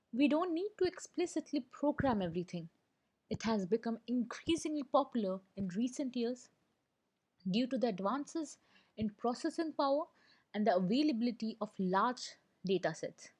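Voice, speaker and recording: A woman presenting an explainer lesson as scripted narration, in a steady, read-aloud delivery. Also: a little high.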